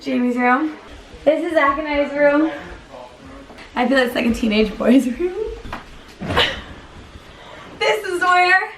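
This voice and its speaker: Chatty high-voiced young woman vlogging. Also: slight background noise. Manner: bubbly, chatty, quick bursts of talk. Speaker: travel vlogger host. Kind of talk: casual vlog chat. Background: background music.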